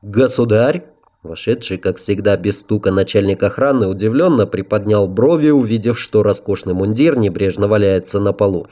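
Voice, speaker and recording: A man reading a science fiction audiobook in a measured, even narration. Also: on the low side.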